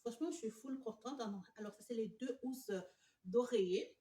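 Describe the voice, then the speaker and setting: A woman's voice: a little high, normal speed. Gushing young woman. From Canada. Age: 20s. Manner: excited, gushing, many fillers. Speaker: home decor vlogger. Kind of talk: casual haul video. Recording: echoey room, mic at a distance.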